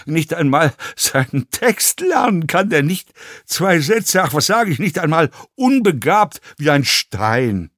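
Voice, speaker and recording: A man reading an audiobook, voicing a pushy, mocking male fellow passenger who needles without pause. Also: on the high side, big pitch swings, a bit bright, no room sound, clean studio sound, voice pushed up, full character voice. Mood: needling. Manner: needling, sneering, chatty.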